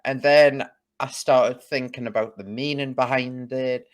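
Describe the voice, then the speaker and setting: A man's voice: medium pitch, steady tone, a little slow. A man from the UK, a guest in a casual conversation, explaining his views and thinking aloud with restarts. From United Kingdom.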